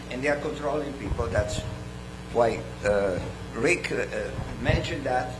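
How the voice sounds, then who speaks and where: Italian-accented man from the audience, speaks very slowly, halting and clearing his throat, noisy room with a hum. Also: fairly high pitch. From Italy. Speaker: audience member. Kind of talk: speaking from the floor at a seminar.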